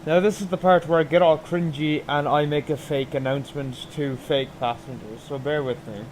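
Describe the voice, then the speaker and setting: A man's voice: on the high side, steady tone, moderate pace, a little mellow, slight background noise, low-quality recording. A man giving casual, chatty gameplay commentary on a flight simulator, thinking aloud with enthusiasm.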